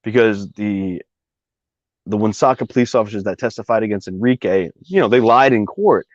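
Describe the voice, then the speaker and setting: A man's voice: on the low side, lively intonation, moderate pace, dry recording. Rambling man telling a story. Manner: rambling, many fillers and asides. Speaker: guest telling a personal story. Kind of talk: casual conversational storytelling. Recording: dry, slightly dull recording.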